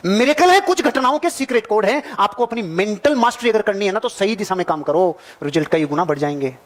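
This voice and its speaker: A man's voice: high-pitched, expressive, a little fast. A man giving a motivational seminar talk to a live audience, emphatic and repetitive, calling on listeners directly. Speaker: motivational speaker.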